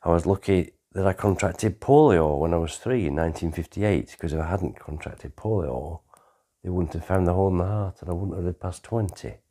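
A man in his sixties recounts his own life in a loose, unhurried way, stopping and restarting as he goes. His voice is deep and mellow, with a husky edge. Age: 60s. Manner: rambling, conversational, with frequent pauses and restarts. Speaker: memoir author telling his life story. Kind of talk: unscripted autobiographical storytelling.

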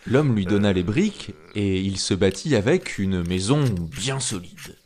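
Slow, expressive male storyteller. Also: on the low side, slight background noise. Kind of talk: reading a fairy tale aloud.

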